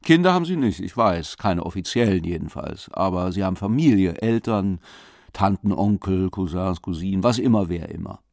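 A man voicing a pushy, prying older investigator who talks fast and insistently. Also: sits low, expressive, vocal fry, darkish tone, no echo, clean studio sound. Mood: probing.

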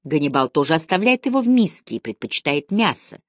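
A woman reading the part of a spirited, stubborn older woman in a lively, brisk, insistent way. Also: low-pitched, no echo, studio quality. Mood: chatty.

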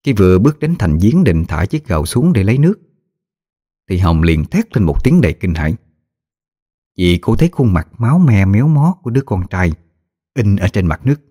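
Deep-voiced somber male ghost-story narrator. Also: very animated, a little fast, mellow.

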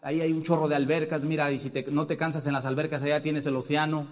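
Mexican man, rambling motivational testimony, high voice, long hall reverb. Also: little pitch movement, quick pace. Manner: rambling, tag questions after every point. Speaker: business speaker sharing success story.

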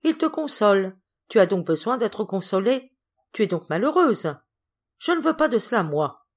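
A woman voicing an irritable, meddling older spinster cousin who talks in a sharp, indignant way in a storybook reading. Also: medium pitch, very animated, measured pace.

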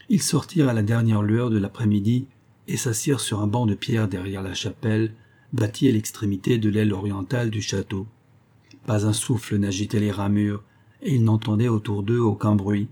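A man reading a gothic story aloud as scripted narration, in a measured, even way. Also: on the low side. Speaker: audiobook reader.

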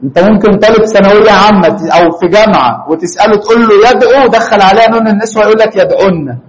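A man's voice: high voice, very fast, low-quality recording. Man teaching grammar in Egyptian Arabic. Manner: questioning, prompts students for answers. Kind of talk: classroom lesson.

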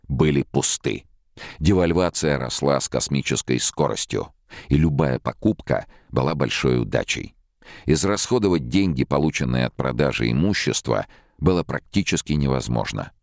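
A man reading a novel aloud in an expressive, measured narration into a studio microphone. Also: extremely low pitch, dry recording. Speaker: audiobook narrator. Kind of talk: scripted literary narration.

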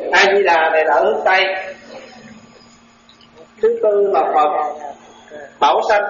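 A man gives a Buddhist dharma talk in a slightly high voice. He explains terms slowly and keeps asking his listeners questions. The recording is echoey, dull and lo-fi, with faint noise underneath. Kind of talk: sermon.

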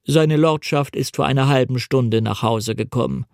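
A man's voice: medium pitch, moderate pace, a little mellow, no echo, clean studio sound, natural voice. A man reading the part of a polite butler answering the telephone. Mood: formal.

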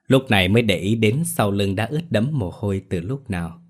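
Low-voiced male horror story narrator. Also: animated. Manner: measured, dramatic storytelling.

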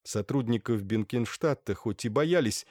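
A man narrating a period novel in an expressive storytelling manner, close to the mic. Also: mid-range voice, moderate pace, dry recording. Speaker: audiobook narrator. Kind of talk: scripted narration.

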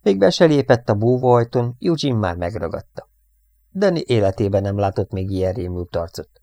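Male audiobook narrator, measured and dramatic, fairly low voice. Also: sing-song, mellow, dry recording.

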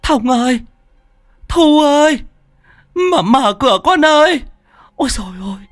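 A frantic old village mother wails and pleads in a high, strained falsetto, put on by a man. Her desperate calling swoops up and down. The recording is dry and close. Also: expressive, measured pace, no echo. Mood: wailing.

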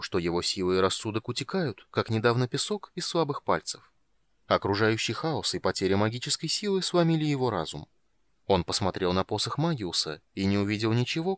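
A man narrating a fantasy audiobook with a lively, dramatic delivery. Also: fairly low pitch, a little fast, no echo. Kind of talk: expressive fantasy audiobook reading.

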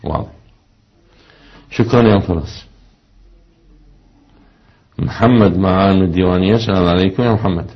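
A man with an Iraqi accent hosting a call-in religious question show, with brisk, clipped acknowledgements. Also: low-pitched. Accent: Iraqi Arabic. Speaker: radio call-in host. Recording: dull muffled broadcast sound.

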